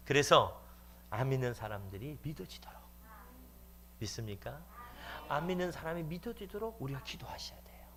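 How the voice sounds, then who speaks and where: Male pastor, church sermon, lively swinging pitch, emphatic storytelling, faint hum behind. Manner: animated storytelling, emphatic exhortation. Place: church sanctuary.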